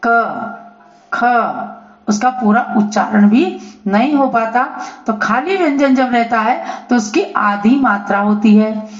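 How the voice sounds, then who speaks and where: A woman teaches a grammar lesson at a slow, deliberate pace, drawing out each example. Her voice sits a little high. The recording is echoey and dull, like lo-fi online class audio.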